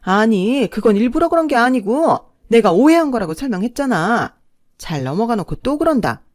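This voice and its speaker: A woman's voice: a little high, big pitch swings, moderate pace, darkish tone, no echo. A woman voicing a flustered, scheming older mother-in-law who talks defensively, recorded dry.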